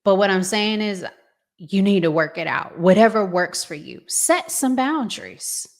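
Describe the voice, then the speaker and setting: A middle-aged vlog host offers casual, unscripted commentary, thinking aloud in a halting, conversational way. Her medium-pitched voice carries lively intonation.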